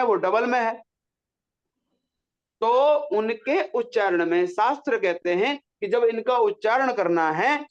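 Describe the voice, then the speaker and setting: A man leads a pronunciation lesson, speaking slowly and with care. He patiently draws out sounds one by one for his students. His fairly high voice comes through a slightly muffled, lo-fi recording. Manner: patient, drawing out syllables to demonstrate. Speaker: Sanskrit teacher.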